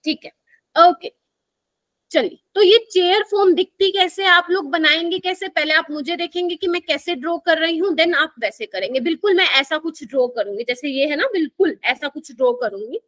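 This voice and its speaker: A woman teaching a live chemistry class in Hindi mixed with English, speaking in an Indian accent. She explains patiently and slowly, and keeps checking that the students understand. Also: very high voice, fairly bright tone, no echo.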